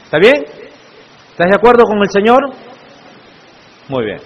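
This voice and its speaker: A man's voice: high voice, very animated, measured pace, slightly rough. Man, pastor, sermon, rhetorical questions, long church echo, dull muffled audio. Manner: preaching with frequent rhetorical questions to the congregation. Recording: echoey church hall, muffled lo-fi sound.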